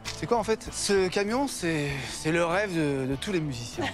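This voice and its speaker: A man's voice: a little high, expressive, moderate pace, close to an everyday voice. A man playing a teasing, jealous friend. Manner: teasing, ironic. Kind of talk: sitcom acting. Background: background music.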